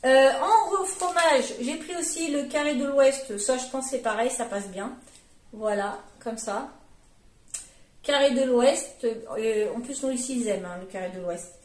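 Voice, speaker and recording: A woman's voice: on the high side, normal speed. Chatty woman in an echoey room. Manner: chatty, rambling, many fillers and self-corrections. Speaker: vlogger, mother. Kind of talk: casual grocery haul chat.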